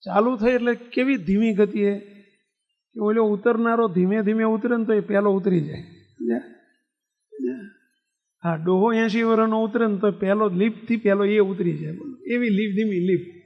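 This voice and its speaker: Male swami, high voice, questions and chants with a temple congregation; dull lo-fi recording with long hall echo. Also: steady tone, a little fast. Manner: questions the audience and leads call-and-response chanting. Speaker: swami preacher. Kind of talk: religious discourse to a live congregation.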